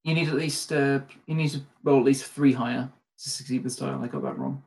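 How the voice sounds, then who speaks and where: A game master narrating a tabletop role-playing game in a chatty way, with many fillers and quick self-corrections. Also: medium pitch, steady tone, vocal fry, darkish tone.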